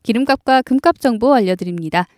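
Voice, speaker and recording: Woman news host, mellow and dry. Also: fairly high pitch, expressive, fast, dry recording. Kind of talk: radio news presenting.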